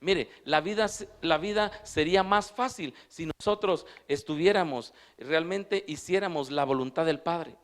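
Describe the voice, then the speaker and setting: A man pastor preaching a sermon, asking the congregation questions and reading scripture slowly and with emphasis. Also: fairly high pitch. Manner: drops to a hushed voice for quiet passages.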